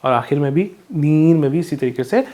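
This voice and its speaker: A man with a Pakistani Urdu accent teaching a class, explaining recitation rules and chanting verses slowly. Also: a little high, dark tone. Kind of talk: classroom lesson on Quran recitation.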